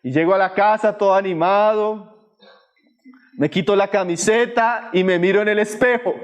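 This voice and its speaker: A man preaching a sermon, slow and emphatic with dramatic pauses. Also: high voice.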